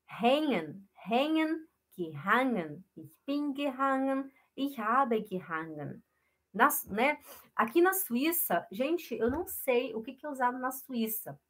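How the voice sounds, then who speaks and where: A woman teaching German in a live online lesson, switching between quick chatty explanation and slow, careful drills, acting out small dialogues with her students. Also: mid-range voice, a bit bright. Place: home.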